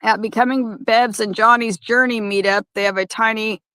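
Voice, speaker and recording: A woman chatting casually on a phone livestream by a lake, talking in halting, rambling bursts with many restarts. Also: a little high, fairly even intonation, fairly bright tone, clear, resonant tone, dry recording. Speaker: van-life vlogger. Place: parked by a lake.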